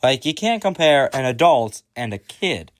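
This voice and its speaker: A man's voice: mid-range voice, sing-song, moderate pace. A man telling crude comic stories in a rambling, exaggerated rant. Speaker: comedian.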